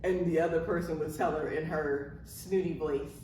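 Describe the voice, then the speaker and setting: A woman co-hosting a podcast, telling stories in a relaxed way with chuckling asides. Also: sits low, moderate pace, recorded from a distance, slight background noise. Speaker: podcast co-host. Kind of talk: casual chat. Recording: very echoey room from off mic.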